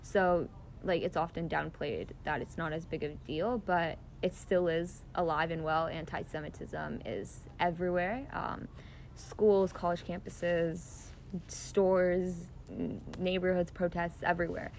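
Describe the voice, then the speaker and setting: A young woman with a lower, gravelly voice answers questions earnestly, leaning on fillers as she thinks. She is recorded on a phone outdoors in a backyard. Clear hiss runs under her voice. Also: fairly even intonation, a little slow, a little mellow, rough recording. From Israel, raised in the US. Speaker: interviewee. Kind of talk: casual interview answers.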